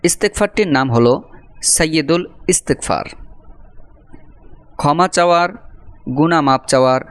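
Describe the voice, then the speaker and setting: A man with a slightly high voice teaches a prayer in a religious lesson. He recites each phrase slowly, breaking it apart, then explains what it means. His delivery is patient and instructive. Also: smooth. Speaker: Quran teacher.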